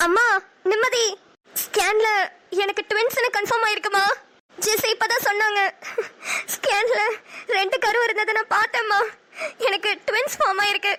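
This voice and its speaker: A woman voicing a gentle, emotional young pregnant woman in a cartoon, talking through tears. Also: very high voice, fairly even intonation, moderate pace, long pauses. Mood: tearful joy. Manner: tearful, softly emotional. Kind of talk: cartoon voice acting.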